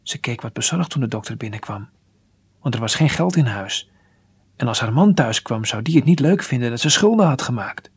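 Calm male storybook reader, hushed at times, muffled audio. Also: mid-range voice, normal speed, husky. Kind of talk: reading a children's story aloud.

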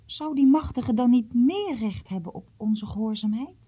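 A woman's voice: a little high, moderate pace, breathy edge, phone-quality sound, voice pushed up. A woman reading the part of an earnest, troubled schoolboy who pleads and stammers.

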